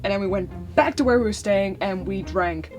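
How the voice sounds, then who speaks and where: A woman voicing Star-Lord, a boastful, carefree young male space adventurer, telling a rambling, excitable comic story over music. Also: medium pitch, moderate pace, natural voice. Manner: excitable, rambling, self-mocking. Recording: music playing underneath.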